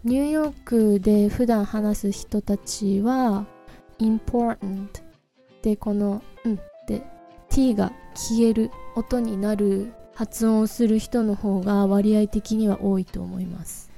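Woman English tutor, mellow tone, patient explainer, repeats phrases slowly. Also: medium pitch, fairly even intonation, creaky. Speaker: English teacher. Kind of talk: casual spoken lesson. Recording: faint music behind.

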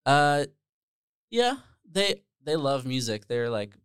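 A man from the Netherlands, a musician, chatting casually as a podcast guest in a relaxed, rambling way with many fillers, on a close mic. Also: mid-range voice, takes it slowly, clean tone, no echo. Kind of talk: casual interview chat.

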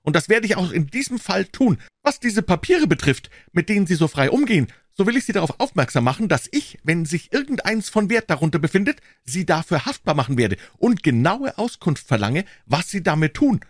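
A cantankerous old lord in an audiobook, his voice jumping far up into a shrill, whining register. He fires off demands in quick, sharp bursts. The sound is close and completely dry. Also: sing-song, dry recording, full character voice. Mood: indignant, stingy. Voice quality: whining yet sharp, fast and insistent. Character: shrill, quarrelsome old stingy nobleman. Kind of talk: audiobook character voice.

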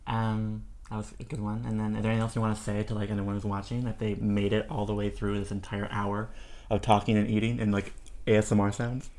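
A man's voice: lowish voice, flat delivery, fast talker, darkish tone. A man hosting a casual dinner chat, upbeat and talkative, filling his sentences with "like". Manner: upbeat, filler-heavy with frequent "like". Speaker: host.

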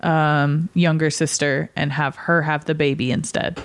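A woman guest on a casual podcast, calmly correcting details of the story. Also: deep voice, a little slow. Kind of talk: casual chat.

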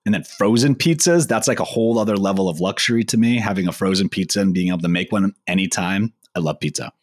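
A young man co-hosts a relaxed podcast chat, wandering through his answers with plenty of fillers. His voice sits low and deep. The sound is dry and close, with no room around it. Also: fast, no room sound. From Philippines, raised in Oregon. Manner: chatty, rambling with fillers. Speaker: co-host.

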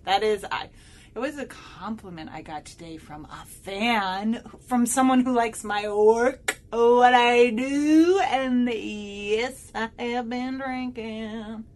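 A woman's voice: fairly high pitch, slow pace. An actress playing a sarcastic woman show host who has been drinking, with a smoky voice and a rambling manner. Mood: ranting. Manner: sarcastic, rambling, swings loud and soft. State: tipsy from drinking. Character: tipsy sarcastic woman podcast host, prickly. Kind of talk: audio drama.

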